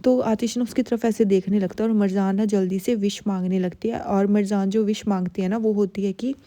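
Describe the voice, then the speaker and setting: A woman narrating a drama story recap in a chatty, animated way. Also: mid-range voice, a little fast.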